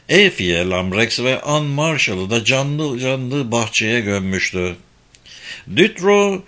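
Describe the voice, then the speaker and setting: A man reading a novel aloud in a measured, even storytelling manner. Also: mid-range voice. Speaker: narrator. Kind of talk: audiobook narration.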